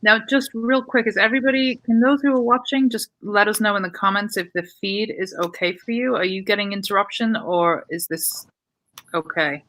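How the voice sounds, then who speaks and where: Upbeat female live-stream host, bright voice, chatty and easygoing. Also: mid-range voice, normal speed. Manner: upbeat, chatty, handling tech hiccups on the fly. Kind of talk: casual live-stream chat.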